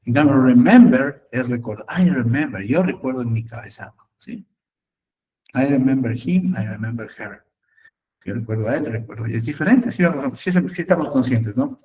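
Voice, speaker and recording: A man's voice: medium pitch, lively intonation, normal speed, dark tone, distant mic, poor audio. A man teaching an English class in Spanish, patiently repeating words and checking understanding. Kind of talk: online class, explaining in Spanish.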